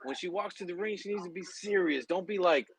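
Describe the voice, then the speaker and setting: A man with a slightly high voice trades quick jokes and comments in loose chat. He keeps cutting in on the others. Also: rough recording. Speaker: podcast co-host. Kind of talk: casual chat.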